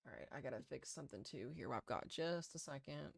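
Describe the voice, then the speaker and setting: A man's voice: medium pitch, lively intonation, a little fast, vocal fry. A man hosting a live severe weather stream, giving informal commentary with muttered asides and emphatic calls. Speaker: severe weather livestream host. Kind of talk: live storm coverage commentary.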